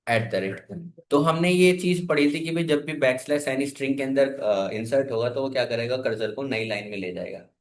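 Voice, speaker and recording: A man teaches a programming lesson, pausing often to quiz his students and wait for them to answer. His voice sits at an ordinary middle pitch. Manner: asks the class questions and waits for answers. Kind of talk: classroom coding lesson.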